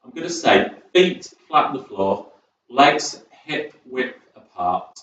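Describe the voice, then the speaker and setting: In a big, echoey community sports centre room, a fitness instructor runs a chair-based exercise class, upbeat and chatty, wandering off between cues and counting down each set's reps. Born in Birmingham and raised in Southport, England, he has a northern accent and a mid-range, sing-song, slightly bright voice that takes its time. The audio is very echoey, distant and dull, with a little hiss or hum.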